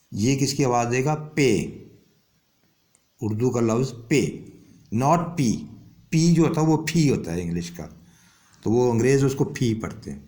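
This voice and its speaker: ایک مرد استاد جو کلاس میں صبر سے حروف کی آوازیں سمجھاتا ہے اور بار بار "ٹھیک ہے" پوچھتا ہے۔. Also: male voice, mid-range voice, warm tone. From Pakistan. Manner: explains patiently with many check-ins. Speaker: language teacher. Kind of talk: classroom lesson explaining an alphabet.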